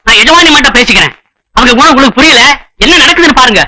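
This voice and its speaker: Loyal old household cook. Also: male voice, extremely high pitch, expressive, quick pace, background noise. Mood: protesting.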